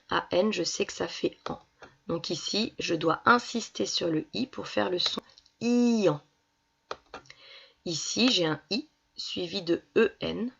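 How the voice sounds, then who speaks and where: A woman's voice: lowish voice, creaky, fairly bright tone, husky. A woman primary school teacher giving a reading lesson to young children, patiently sounding out syllables. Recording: dull lo-fi recording.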